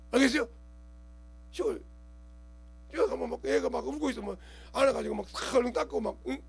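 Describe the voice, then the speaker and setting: High, gravelly-voiced pastor preaching fast. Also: male voice. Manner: colloquial preaching, keeps asking the congregation if they understand; animated, acts out scenes with gestures and quoted voices. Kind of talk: sermon.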